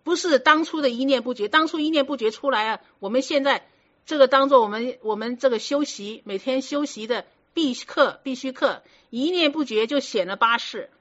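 Heard on a muffled lo-fi recording, a Buddhist teacher with a high, somewhat bright voice speaks at a moderate pace during a dharma talk. She is firm and instructive, conversational with her students, and checks them through rhetorical questions while explaining.

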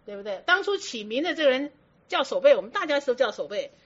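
A woman's voice: high voice, big pitch swings, fast, fairly bright tone. A woman teaching a Buddhist sermon, often asking her listeners rhetorical questions. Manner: asks many rhetorical questions. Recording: dull lo-fi recording.

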